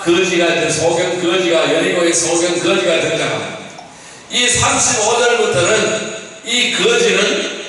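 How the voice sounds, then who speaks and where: A man's voice: high voice, pushed and bright. A male pastor preaching a Sunday sermon, with emphatic rising bursts when he quotes cries. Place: church sanctuary. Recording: echoey church hall from far off.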